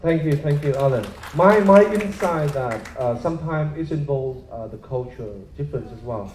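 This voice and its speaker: A man's voice: medium pitch, normal speed, a little mellow. A man moderating a panel discussion, hesitant and full of fillers. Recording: echoey room, dull sound, faint noise.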